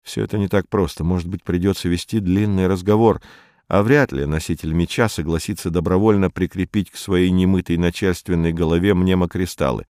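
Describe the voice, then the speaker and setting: A man reads a chapter of a novel in a steady, even way. His voice is deep and low, and the recording is close and dry with no room sound. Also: brisk, no room sound. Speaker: audiobook narrator. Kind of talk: scripted narration.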